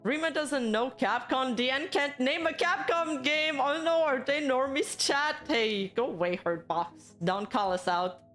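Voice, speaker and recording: A woman's voice: high voice, a little slow, few pauses, fairly bright tone, faint music behind. A woman hosting a livestream, chatting and commenting casually as she reacts to viewer comments. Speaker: livestream host.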